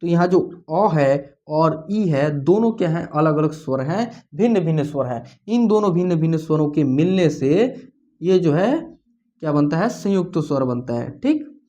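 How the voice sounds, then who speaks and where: A teacher giving an online exam-prep lesson, who asks questions and answers them, repeats key points, and slowly sounds out each vowel. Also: medium pitch, expressive, warm tone, muffled recording. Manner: slows down to say the vowel sounds out clearly. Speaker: Hindi grammar teacher.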